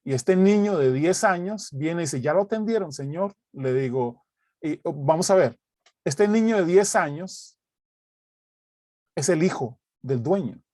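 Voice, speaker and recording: A man teaching an informal Bible lesson, talking haltingly with many restarts and checking in with his listeners as he goes. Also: a little high, expressive, dark tone, no echo, clean studio sound. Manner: halting, many restarts, keeps asking "right?".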